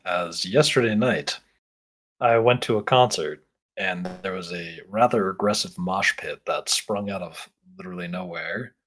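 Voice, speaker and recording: A man running a tabletop game, narrating and chatting casually in halting, hesitant phrases. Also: low voice, fairly bright tone. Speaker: game master.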